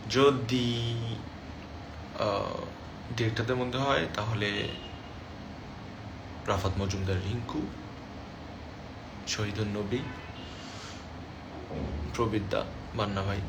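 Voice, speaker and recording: A man's voice: lowish voice, steady tone, slow, gravelly, pauses often, noisy background. A young man reading fans' comments aloud and answering them in a casual live chat from his room, mixing English phrases into his talk. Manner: chatty, mixes English phrases into speech. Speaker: actor reading fan comments on a livestream. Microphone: phone livestream.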